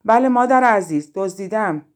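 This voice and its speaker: A woman's voice: medium pitch, lively intonation, close to an everyday voice. A woman reading an audiobook and voicing a clever, cheeky young man who answers with mocking politeness. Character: clever young male hero, cheeky and bold.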